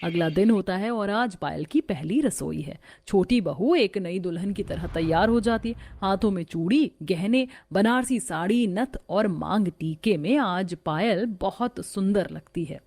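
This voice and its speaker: A woman giving scripted narration of a family story in an even storytelling tone. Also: mid-range voice, unhurried, few pauses.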